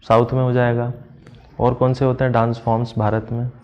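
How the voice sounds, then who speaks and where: A man's voice: mid-range voice, completely flat delivery, dull audio. Guy teaching exam answers, asks then answers himself, medium voice. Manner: explains step by step, asks questions then answers them; reads English phrases slowly then translates.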